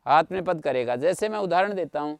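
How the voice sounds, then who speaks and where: High, smooth-voiced male teacher. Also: lively intonation, a little fast, no echo. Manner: patient, repeats points, checks understanding with listeners. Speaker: Sanskrit grammar teacher. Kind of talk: explanatory lecture. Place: online video class.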